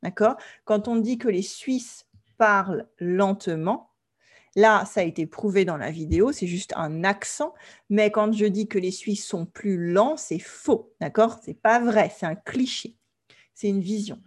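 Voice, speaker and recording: A woman from France teaching an online French class, explaining slowly and clearly and often checking that her students follow. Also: mid-range voice.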